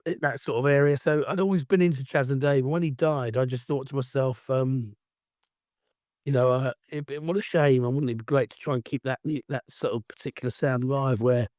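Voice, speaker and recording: A middle-aged man from Essex with an Essex accent and a croaky, hoarse voice from allergies, talking as a guest in a rambling, chatty way. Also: mid-range voice, steady tone, brisk, no room sound, studio quality. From Essex, England. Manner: rambling, chatty, self-styled loudmouth. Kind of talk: casual interview chat.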